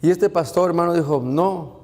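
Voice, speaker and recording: A man's voice: on the high side, animated, measured pace, a little mellow, long reverb tail. A man, a pastor, preaching a sermon, asking rhetorical questions and calling out to the congregation.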